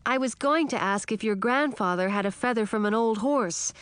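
A woman's voice: on the high side, moderate pace, smooth, no echo, voice pushed up, close to an everyday voice. A woman voicing a young woman turned into a frog, earnest and worried.

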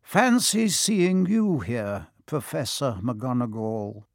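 A man voicing a calm old wizard who speaks gently and unhurriedly, with mild amusement. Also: mid-range voice, takes it slowly, vocal fry, no room sound, clean studio sound. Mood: gentle.

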